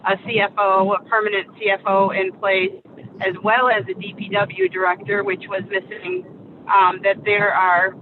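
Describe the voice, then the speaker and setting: Woman city official phoning in from a car on speakerphone. Careful, hesitant report full of ums. Thin phone sound, faint road rumble. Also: phone-quality sound. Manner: hesitant, frequent "um" fillers, careful wording. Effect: speakerphone call from a moving car. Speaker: city official giving a staff update. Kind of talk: public meeting report. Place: driving in a car.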